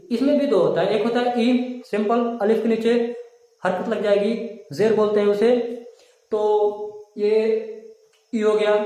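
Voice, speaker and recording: Echoey high-voiced man teaching diction. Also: mellow. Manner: repeats and drills words, asks the viewer questions. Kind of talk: spoken diction lesson. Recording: very echoey room.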